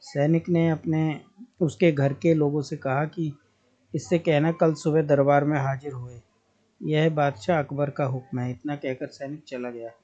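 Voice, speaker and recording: A man narrating a story as a storyteller in a measured, deliberate reading style, on a dull lo-fi recording. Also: on the high side, fairly even intonation, warm tone.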